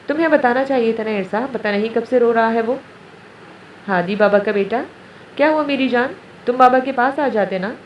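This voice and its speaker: A woman narrator voicing an indulgent father who speaks tenderly and teases gently, recorded distant in a roomy space. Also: very high voice. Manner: tender, coaxing. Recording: roomy, distant, dull, faint hiss.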